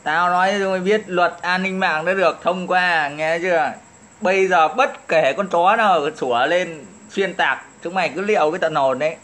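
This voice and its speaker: A man's voice: high-pitched, moderate pace, fairly bright tone. A man ranting at his critics in a taunting, profane way, laughing at them as he insults them. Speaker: online commentator. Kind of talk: taunting profane rant to camera.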